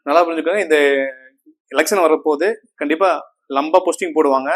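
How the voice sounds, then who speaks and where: Higher-voiced man teaching a class. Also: brisk. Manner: asks the class frequent checking questions; repeats terms and counts on fingers. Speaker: Tamil grammar teacher. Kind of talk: classroom grammar lesson.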